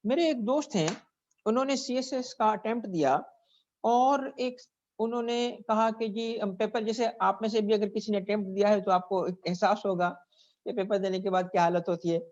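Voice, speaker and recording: A man's voice: sits high, steady tone, moderate pace, a little mellow. A man giving a classroom lecture, who keeps checking in with his students and asks them questions. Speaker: teacher. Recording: dull lo-fi recording.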